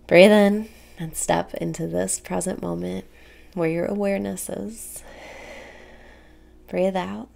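A young woman's low voice, thick with creak, guides a meditation from a small room indoors. Her delivery is very slow, soft, and steady, with soothing breathed-out phrases separated by pauses.

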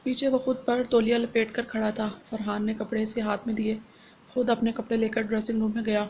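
Woman reading a romance novel out loud, even and unhurried, slightly high, very flat. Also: slight background noise. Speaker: audiobook narrator. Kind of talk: scripted novel narration.

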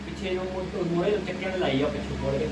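A young Punjabi man with a high voice explains things informally. He sounds distant from the phone, with strong echo and clear background noise. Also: fast. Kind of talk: casual explanation while tinkering. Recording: noisy, echoey, distant from phone.

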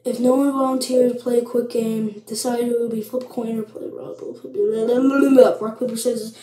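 A woman's voice: a little high, fairly even intonation, brisk, dark tone. A young woman vlogging casually, chatty and full of fillers, with mock-scared asides. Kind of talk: casual vlog chat. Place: bathroom at home. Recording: echoey room.

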